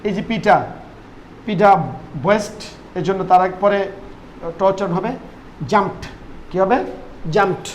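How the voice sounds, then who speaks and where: A man's voice: sits high, fairly even intonation, measured pace, pauses often, a little hiss or hum. A man with a Bangladeshi accent teaching a spoken English lesson, repeating phrases and asking and answering his own questions.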